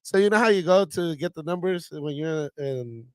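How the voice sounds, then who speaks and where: A man's voice: on the high side, moderate pace, smooth, no room sound. A man co-hosting a casual podcast, telling a funny story in slangy talk and laughing as he goes. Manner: laughing anecdote teller, slangy. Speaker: podcast co-host. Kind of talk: casual group chat.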